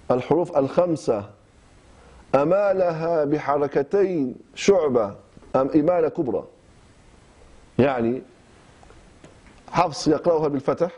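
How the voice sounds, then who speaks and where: An Iraqi man from Kirkuk, whose voice is on the high side with a dark tone, explains recitation rules in class with an Iraqi Arabic accent. He talks in short bursts, frequently hesitating and restarting. The recording sounds dull and lo-fi.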